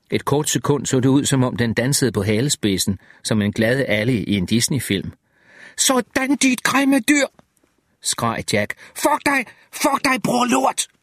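A man narrating a first-person audiobook in a measured, even storytelling manner, slowing down on vivid details. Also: medium pitch, no echo, clean studio sound.

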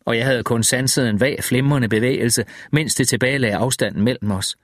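A man reading a first-person horror story aloud in a tense, measured way. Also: mid-range voice, no room sound, clean studio sound. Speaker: audiobook narrator. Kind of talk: first-person audiobook narration.

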